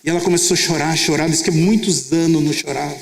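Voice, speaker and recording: A man's voice: fairly high pitch, steady tone, quick pace, vocal fry. A man preaching a testimony sermon as a pastor, telling the story and acting out both sides of the conversations. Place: conference church hall. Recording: echoey hall sound.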